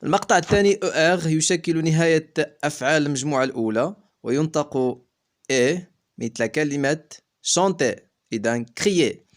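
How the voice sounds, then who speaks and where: A man teaching French pronunciation, spelling words out slowly letter by letter. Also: on the high side. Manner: slow, deliberate letter-by-letter spelling. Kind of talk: pronunciation lesson.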